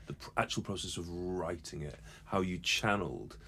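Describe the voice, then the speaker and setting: A man's voice: low voice, moderate pace, bright, forceful tone. A man hosting a conversational interview, enthusiastic and reflective as he asks his guest questions. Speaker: interviewer host.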